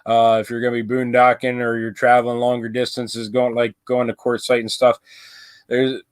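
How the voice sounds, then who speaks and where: A man's voice: medium pitch, completely flat delivery, normal speed, clean tone, dry recording. A young adult man hosting a casual livestream from his RV, rambling, with many fillers and restarts. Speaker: livestream host. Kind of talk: casual live chat. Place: inside an RV.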